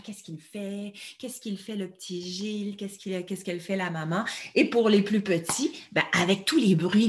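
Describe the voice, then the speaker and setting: A woman presenting an early literacy workshop, theatrical and given to character voices and whispers when she reads aloud. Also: medium pitch.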